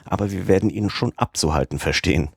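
An eager, worried young manservant, as a male narrator reads him in a storybook. He fusses and frets about his master's safety. The voice is deep and the sound is close and dry. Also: quick pace, creaky, slightly rough, no echo, exaggerated voice.

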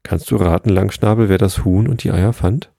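A haughty crow chief from a storybook sniffs and muses aloud , as a man reads him. The voice is low and gravelly with a husky grain, close and dry. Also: normal speed, dark tone, dry recording. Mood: scornful. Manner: scornful, musing. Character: proud scornful male crow chief.

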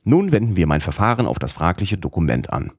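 A man's voice: low-pitched, big pitch swings, brisk, a little mellow, breathy edge, no echo, studio quality, exaggerated voice. A man voicing a stern, obsessive old professor in an audiobook, with a commanding, lecturing tone. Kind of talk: audiobook character voice.

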